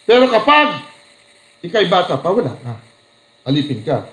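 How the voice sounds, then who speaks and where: Pastor preaching in an echoey room. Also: male voice, high-pitched, moderate pace. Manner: lively preaching, reads verses aloud with raised voice; mixes English words into his talk. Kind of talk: sermon.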